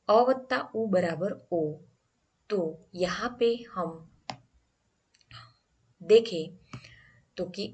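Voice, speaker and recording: Woman teacher, slightly low voice, slow deliberate step-by-step grammar lesson. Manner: slow, explaining step by step with questions to the class.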